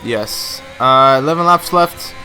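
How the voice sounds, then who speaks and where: Excitable, bright-voiced male race commentator. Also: mid-range voice, unhurried, a little hiss or hum. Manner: excitable, many fillers. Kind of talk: sim racing commentary.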